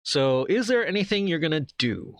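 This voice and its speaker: A man's voice: fairly high pitch, very animated, moderate pace, no room sound. A man narrating as game master, describing scenes in a loose, conversational way with many restarts.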